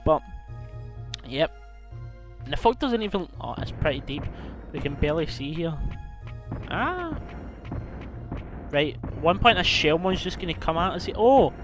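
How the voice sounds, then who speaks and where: A man's voice: a little high, very animated, a little slow, pauses often. A young man rambling and swearing as he commentates on his game playthrough. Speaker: let's play host. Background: game music.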